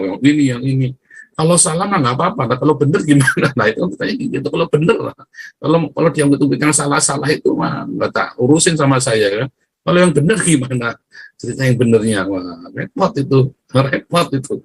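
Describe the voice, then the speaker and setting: A man's voice: mid-range voice, breathy edge, no room sound, poor audio. A man giving an informal, chatty sermon, telling stories and often laughing between points. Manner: chatty storytelling, laughing often, acting out quoted voices. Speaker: preacher.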